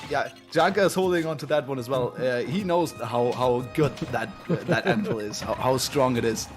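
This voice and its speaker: A man calling play-by-play for an online fighting-game tournament in an energetic way, with frequent fillers. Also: mid-range voice, normal speed, soft background music. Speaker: play-by-play commentator. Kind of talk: esports commentary.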